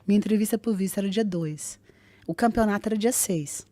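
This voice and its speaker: A woman's voice: medium pitch, no echo. A woman, telling a personal story as a podcast guest, acting out the dialogue. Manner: animated, acts out dialogue in quick voices. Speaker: guest, jiu-jitsu fighter.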